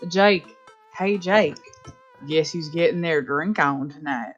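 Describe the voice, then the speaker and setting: A woman's voice: sits low, slow pace, lo-fi sound, soft background music. A woman voicing a rowdy male drinking buddy in a put-on Texan accent, teasing and drawn out.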